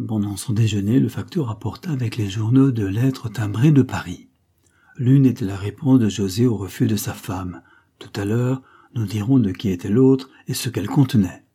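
A man narrating a classic novel as an audiobook, with a measured, literary storytelling delivery. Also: on the low side, dark tone, husky. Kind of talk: scripted narration.

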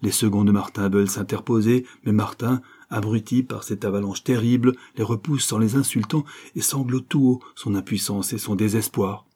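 Guy reading an audiobook, low dark husky voice, dramatic and intense. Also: fairly even intonation, normal speed, hardly any pauses. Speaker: audiobook narrator.

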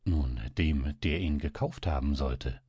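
Ein Mann spricht einen scheuen, lauernden Gehilfen in einem Hörbuch, mit tiefer, gedämpfter Stimme und bedächtig langsam. Die Aufnahme klingt trocken und nah. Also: male voice, very deep voice, husky, no room sound, pitched below the performer's own voice, full character voice. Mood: hushed. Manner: timid, hushed, slow. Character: shy, sly older male assistant.

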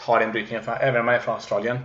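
A man co-hosting a casual podcast chat, joking and rambling with quick asides. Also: medium pitch, little pitch movement, a bit bright. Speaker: podcast co-host. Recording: roomy, dull lo-fi sound.

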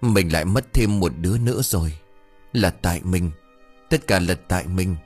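A man's voice: low voice, normal speed, darkish tone, soft background music. A man voicing a poor, grieving old father who pleads in choked, remorseful words in a storybook tale. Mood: anguished.

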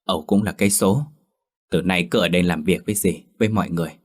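Một người đàn ông đọc giọng dì giúp việc lớn tuổi hiền hậu, nói ân cần, nhẹ nhàng. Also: male voice, sits low, quick pace, breathy edge. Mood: gentle. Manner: gentle, soothing. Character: kindly older woman servant.

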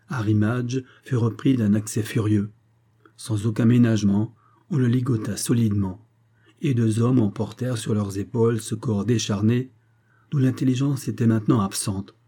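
A man narrates an audiobook in a measured, dramatic manner. His voice sits low, with a dark, mellow tone and a husky grain. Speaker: audiobook reader.

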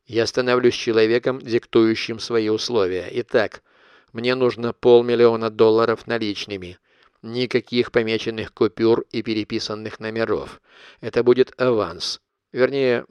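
A cold, calculating blackmailer, as an audiobook reader plays him, laying out his terms in cool clipped phrases. The voice sits fairly low and sounds smooth and resonant. The recording is close and dry, with no room sound. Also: steady tone, normal speed, darkish tone, dry recording, highs cut off, natural voice. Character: cold calculating male blackmailer, middle-aged. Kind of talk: audiobook character reading.

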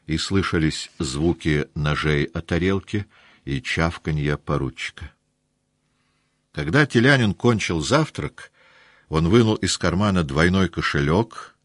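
A man with a low, deep voice narrates a classic novel in a measured, even way. The sound is dry and close, with no room echo. He tells the story steadily. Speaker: audiobook narrator. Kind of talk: literary audiobook reading.

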